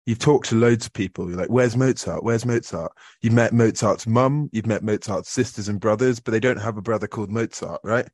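A man's voice: lowish voice, fairly quick, hardly any pauses, darkish tone, no echo. Laughing man co-hosting a podcast. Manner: laughs often, hesitant with fillers. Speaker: podcast co-host. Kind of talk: casual podcast chat.

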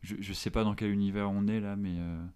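A young man chatting excitedly about music he loves, slangy and quick to laugh. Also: on the low side, smooth. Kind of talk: casual chat about music.

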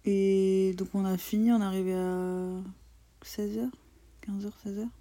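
Teasing young woman, warm voice. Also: medium pitch, level tone, measured pace. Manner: teasing, sarcastic banter. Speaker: podcast co-host. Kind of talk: casual travel chat.

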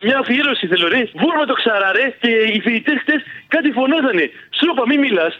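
A man's voice: very high voice, lively intonation. A male radio caller bantering casually with the host over the phone. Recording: dull phone line.

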